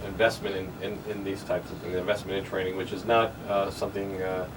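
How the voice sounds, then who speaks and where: A man's voice: low-pitched, flat delivery, brisk. A man hosting a radio business show, asking a guest long, hesitant questions. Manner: questioning with many fillers and restarts. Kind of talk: radio interview. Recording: distant mic with background noise.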